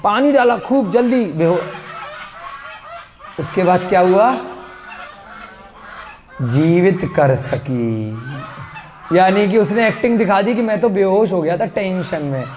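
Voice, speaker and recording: A man's voice: high voice, animated, takes it slowly, long pauses, a little mellow, slight background noise. A man teaching a scripture class, retelling a story with playful asides and modern comparisons. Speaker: religious teacher. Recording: long hall reverb.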